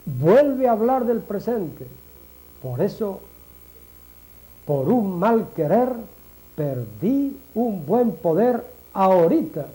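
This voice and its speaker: A man giving a reflective sermon, speaking slowly and deliberately, repeating phrases for emphasis and addressing listeners directly as friends. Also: sits high, very animated, warm tone, rough recording. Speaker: religious speaker.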